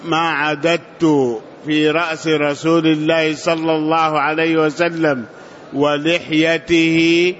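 A man reads a classical text aloud for his teacher in a lesson, slowly and haltingly, tripping over names. His voice is fairly high for a man. The recording is dull and lo-fi. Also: flat delivery, a bit bright, slight background noise. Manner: halting reading, stumbles on names. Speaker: student reading the text aloud.

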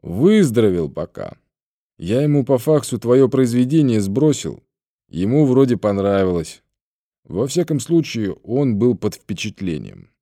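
A man voicing a gruff, dryly joking middle-aged man in an audiobook. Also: mid-range voice, big pitch swings, unhurried, warm tone, dry recording, clean studio sound. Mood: wry.

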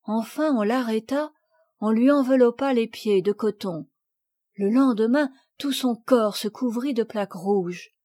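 A woman narrating a classic children's novel in a clear, measured reading. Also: fairly high pitch, mellow, dry recording, studio quality. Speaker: audiobook narrator. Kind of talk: scripted storybook narration.

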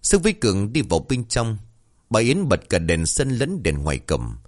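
A man narrating a scripted story in an expressive way. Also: fairly low pitch, moderate pace.

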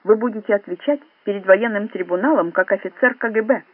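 A man voicing a pompous, indignant Soviet spy chief who blusters and shouts in an audiobook. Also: high-pitched, a little fast, no room sound. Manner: blustering, shouting, self-righteous. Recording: dry, phone-like narrow sound.

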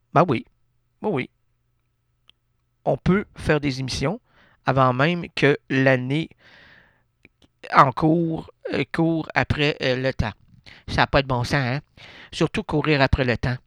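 A man's voice: medium pitch, fairly bright tone, no room sound, studio quality. A man with a Québécois accent hosting a radio show, rambling through a playful improvised comic monologue full of wordplay and asides. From Quebec. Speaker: radio host.

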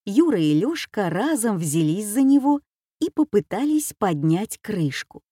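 A woman reading a children's adventure story aloud in a slow, measured way. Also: mid-range voice, very animated, dark tone, husky, dry recording, studio quality. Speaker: audiobook narrator. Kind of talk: scripted narration.

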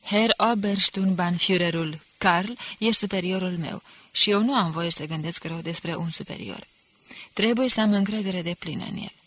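A woman's voice: fairly low pitch, fairly bright tone, no echo. A woman reading the part of a menacing male undercover agent who talks in an ironic, threatening way. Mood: indignant.

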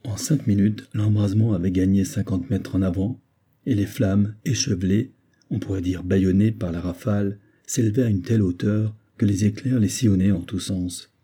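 Guy reading an adventure novel aloud, really dark mellow voice, a bit husky. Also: lowish voice. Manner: steady measured reading. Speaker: audiobook narrator. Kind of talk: scripted narration.

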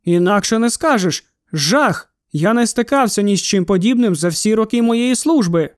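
A man's voice: high voice, normal speed, no echo, clean studio sound. A man reading the part of an agitated, exclaiming middle-aged town constable in an audiobook. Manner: excited and exclaiming.

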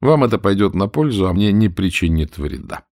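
A man playing a cold, calm pirate captain who speaks with mocking irony. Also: on the low side, brisk, dry recording, clean studio sound, close to an everyday voice.

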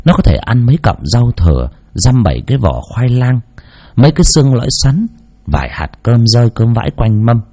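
A man narrating a heartfelt village story in slow, scripted storytelling. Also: medium pitch, sing-song, warm tone.

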